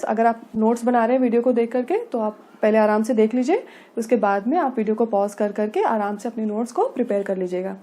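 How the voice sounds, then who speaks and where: A woman with an Indian accent leads a classroom video lesson as an English trainer. She explains each point patiently and keeps checking in with the listener as she goes. Her voice sits a little high, with a dark, mellow tone. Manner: explains patiently, often adding "ठीक है" and "okay" as check-ins.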